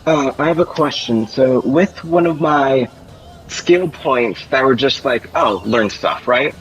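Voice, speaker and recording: A man playing a tabletop game online, asking rules questions in a halting, insistent way, his voice coming through with a clangy robotic distortion from a faulty mic. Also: medium pitch, a little hiss or hum. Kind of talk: casual online roleplay chat.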